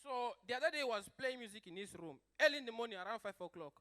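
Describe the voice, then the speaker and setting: High-voiced young male stand-up comic. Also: lively intonation, bright, forceful tone. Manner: chatty, rambling, with fillers and quick asides. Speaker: stand-up comedian. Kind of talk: stand-up comedy storytelling.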